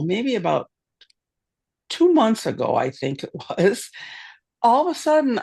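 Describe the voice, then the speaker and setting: A woman in her seventies telling a story in lively, chatty style, speaking over a video call. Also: mid-range voice, gravelly. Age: 70s. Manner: animated, chatty. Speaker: guest on the show. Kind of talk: casual storytelling. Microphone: video call, camera off.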